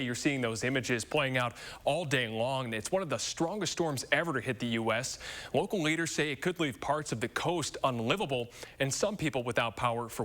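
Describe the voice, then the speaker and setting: A man anchoring a local evening newscast, reading the stories in a steady, measured way. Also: mid-range voice. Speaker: news anchor. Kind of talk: scripted news reading.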